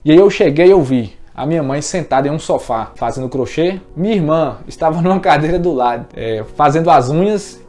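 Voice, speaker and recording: Earnest Brazilian man, testimony, soft music. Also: fairly high pitch. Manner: earnest, emotional storytelling with repeated words. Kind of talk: personal testimony talk.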